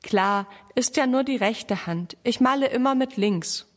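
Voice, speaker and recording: Woman doing a plucky little girl, kinda high, matter of fact. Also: a little slow, natural voice.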